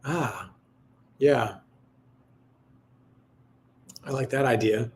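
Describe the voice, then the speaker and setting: Male tasting host, mid-pitched, casual sommelier notes delivered as reflective, halting thinking aloud. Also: a little mellow, slight background noise.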